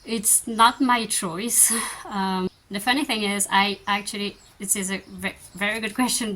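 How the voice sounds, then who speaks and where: A woman in her thirties with a French accent, French native, chatting gently and thoughtfully as she answers viewer questions in a slow-living vlog. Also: medium pitch. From France. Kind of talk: casual Q&A chat.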